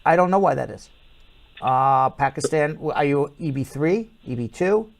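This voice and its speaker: Playing an immigration lawyer, a man hosts a live call-in show and offers callers brisk, blunt, matter-of-fact advice. His voice is on the high side, animated and gravelly.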